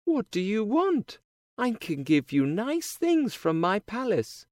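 A storyteller voicing a spoiled young princess in a high, whiny, pleading voice. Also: big pitch swings, slow, darkish tone, no room sound. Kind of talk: storybook reading.

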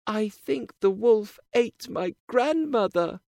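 A man voicing a polite, timid little girl in a storybook reading, with a raised, gentle voice. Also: a little high, huge pitch swings, takes it slowly, no room sound, studio quality, voice pushed up, exaggerated voice.

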